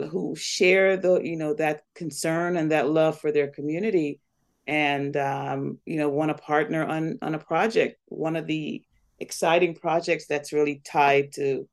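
A woman's voice: low voice, creaky, a little mellow. A woman from Guyana, a community foundation CEO, talking earnestly as an interview guest. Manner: earnest, speaks of blessing and collaboration.

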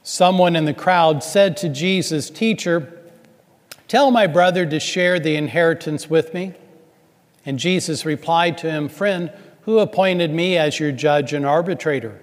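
Guy priest reading scripture then rambling a bit in his sermon, kinda high voice, big cathedral echo all around. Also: a little slow. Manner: loose, chatty preaching with many fillers. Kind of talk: gospel reading and homily. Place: large church sanctuary. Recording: long cathedral-like church reverb.

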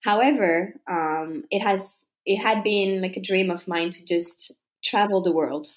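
A woman's voice: medium pitch, unhurried. Chatty French woman, laughing often. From France. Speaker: interview guest. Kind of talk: casual conversational interview.

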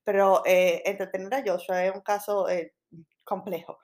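Unhurried mother of three. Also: mid-range voice, flat delivery, darkish tone. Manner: measured, hesitant with fillers, clears throat. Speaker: podcast co-host, mother of three. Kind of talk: casual chat.

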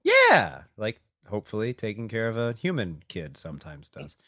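Lively-pitched man, hedging over video call. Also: moderate pace, no echo, studio quality. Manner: thoughtful, hedging, with fillers. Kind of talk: casual video call chat.

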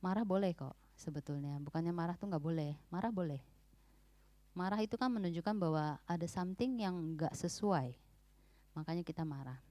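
A woman's voice: fairly low pitch, moderate pace, mellow, dry recording. A woman giving an informal, emphatic church talk on parenting, often mixing English words into her speech.

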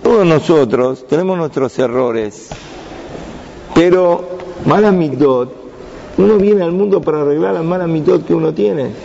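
A man's voice: fairly high pitch, expressive, unhurried, creaky, dark tone, slight background noise. A man teaching a Torah lesson to young students, asking the class questions and answering them himself. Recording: dull sound with long reverb.

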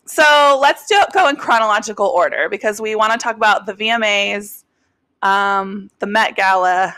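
A slightly hoarse young woman co-hosting a gossip podcast, enthusiastic and steering the topics. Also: mid-range voice, normal speed, sharp tone. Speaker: podcast co-host. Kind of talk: casual chat.

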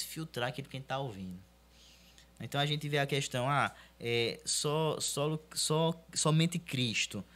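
A man's voice: mid-range voice, a bit bright. A man with a Brazilian accent, a pastor explaining points in a casual panel discussion with preacherly emphasis.

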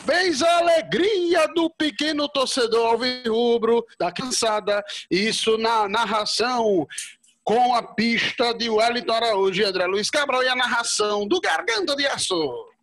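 A man's voice: extremely high pitch, unhurried, a bit bright. A man co-hosting a football club show, talking through past matches and players. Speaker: podcast co-host. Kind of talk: sports history talk.

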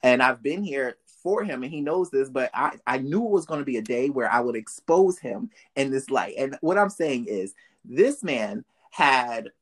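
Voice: medium pitch, lively intonation, normal speed. Podcast host, motivational and preachy, casual and faith-driven. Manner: preachy, uplifting, speaks of faith; casual slang, addresses listeners directly. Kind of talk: motivational interview talk.

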